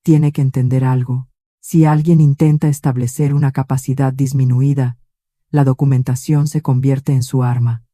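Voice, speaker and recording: Calm male lawyer, read by a woman, firm quiet voice, deliberate questions, dark tone. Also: very deep voice, dry recording, clean studio sound.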